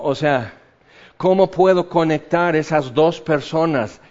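American-accented man preaching with lively acted asides. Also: on the high side, lo-fi sound. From United States. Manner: animated, acts out imagined voices and questions. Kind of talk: sermon.

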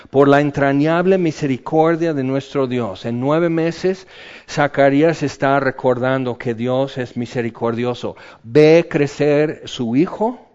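A man preaching a sermon in a theatrical way, swinging between loud exclamations and quiet asides. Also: medium pitch, highs cut off.

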